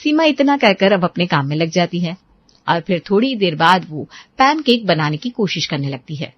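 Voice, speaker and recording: A woman narrating a cartoon story in a calm, even, scripted way. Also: on the low side, normal speed, no echo, dull audio.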